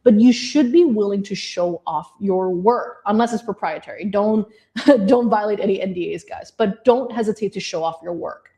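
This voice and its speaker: A woman's voice: medium pitch, moderate pace, warm tone. Friendly woman from Indonesia giving advice. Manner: friendly, encouraging, addresses audience as guys. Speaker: immigration advisor presenting to designers. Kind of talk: presentation talk.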